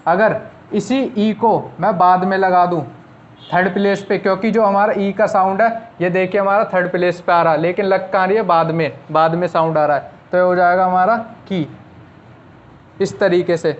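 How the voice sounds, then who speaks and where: Male shorthand tutor, patient and repetitive, fairly high voice, lo-fi classroom recording. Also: fairly even intonation, moderate pace. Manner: patient, repeats rules step by step. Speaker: shorthand teacher. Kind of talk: classroom lesson explaining at a board. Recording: slightly dull lo-fi recording with faint noise.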